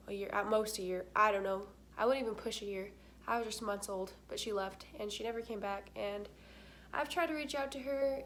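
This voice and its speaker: A woman's voice: mid-range voice, vocal fry, slight background noise. A young woman talking candidly to her camera, with a congested nose and short of breath, filling her talk with "like". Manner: chatty, candid, many fillers, stuffy-nosed. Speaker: vlogger.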